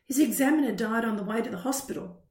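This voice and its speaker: A woman voicing a good-natured, talkative schoolboy friend in an audiobook story, eager and quick. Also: on the high side, a little mellow, echoey room, recorded from a distance, natural voice. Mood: gossipy.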